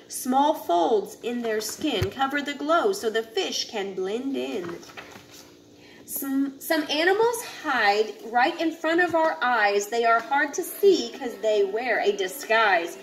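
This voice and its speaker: In a living area with a kitchen at home, a woman with a high voice reads a children's picture book aloud. Her reading is animated but slow, unhurried, deliberate and instructive. The home recording is noisy, with room ambience and faint background noise.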